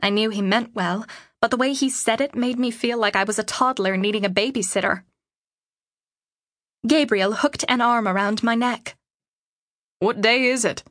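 A woman narrates a novel in the first person, measured and steady. Her voice sits fairly high and the studio recording is dry and close. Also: dry recording. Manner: measured, storytelling. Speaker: audiobook narrator.

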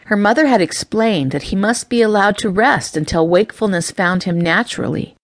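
A woman reading a romance audiobook in a gentle, measured storytelling voice. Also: mid-range voice, no room sound. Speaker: audiobook narrator. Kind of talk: scripted narration.

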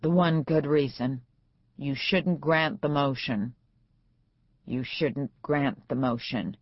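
A woman's voice: low-pitched, moderate pace, no room sound, voice pushed up. A woman voicing a nervous, hapless male lawyer in an audiobook, with a dull, dry studio sound. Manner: flustered, hesitant.

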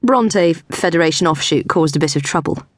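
A woman's voice: deep voice, lively intonation, fairly quick, no room sound. A woman voicing a dry-witted young female detective in an audiobook, talking in an understated, wry way. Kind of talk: audiobook dialogue.

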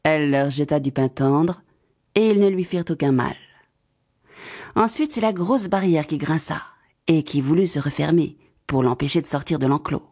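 A woman narrating a children's storybook in an expressive, clear way. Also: sits low, moderate pace. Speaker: audiobook narrator.

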